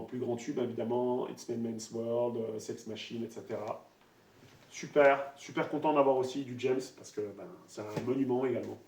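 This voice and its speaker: A man casually presenting his vinyl records one by one, talking in a relaxed, halting way with many fillers. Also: medium pitch. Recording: roomy echo, voice a bit far from the mic.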